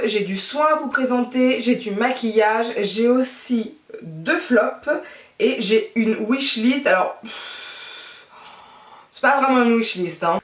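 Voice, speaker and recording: A woman beauty vlogger talking casually at home, chatty and self-mocking, quick to laugh at herself. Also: fairly high pitch, recorded from a distance. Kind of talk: casual chat to camera. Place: at home, child nearby. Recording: echoey room, voice set back from the mic.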